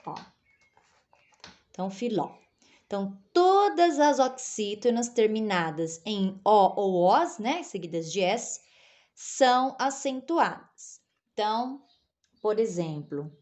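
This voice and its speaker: A Brazilian woman teacher explaining a lesson to children patiently, spelling out syllables and checking in often. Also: a little high. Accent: Brazilian Portuguese. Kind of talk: recorded classroom lesson for children.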